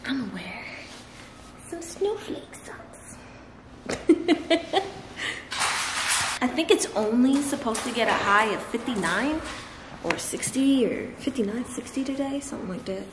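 Her voice is on the high side, with lively intonation, a slightly slow pace and long pauses. This vlogger chats casually to camera, laughs often and talks to her dogs in a large bright living room at home, picked up by a camera on a table close by amid echo and clear background noise.

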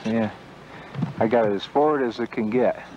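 A man's voice: fairly low pitch, moderate pace, a little mellow. A man filming a home video outdoors on a ski slope, chatting casually and commenting on the shot, heard through old camcorder audio. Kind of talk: casual chat while filming. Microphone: built-in camcorder mic. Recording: dull lo-fi camcorder audio with hiss.

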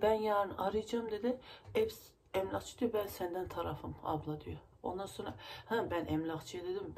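A woman's voice: medium pitch, darkish tone, a little hiss or hum. A woman vlogger venting to her viewers in a rambling, emotional way, her nose stuffy from crying. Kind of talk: casual vlog talk to viewers.

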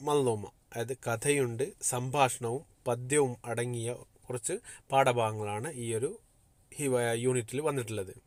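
A man from Kerala teaching a primary school Arabic class online. He reads textbook phrases slowly, then explains them and asks questions that he answers himself. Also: medium pitch, no room sound. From Kerala, India.

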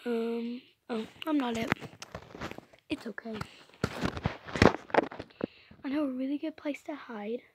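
A woman's voice: a little high, normal speed, very noisy. A woman giving casual game commentary, often dropping to an anxious whisper and filling gaps with chatty fillers. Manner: drops to an anxious whisper while hiding, chatty with many fillers. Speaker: gameplay video host.

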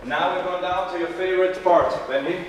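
A man's voice: high voice, steady tone, a little fast, very echoey, in a large hall, noisy background. Upbeat Swedish man touring a villa. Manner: upbeat salesy, laughs often. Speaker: real estate agent giving a house tour. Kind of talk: casual house tour chat. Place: large empty villa, indoors and on terraces.

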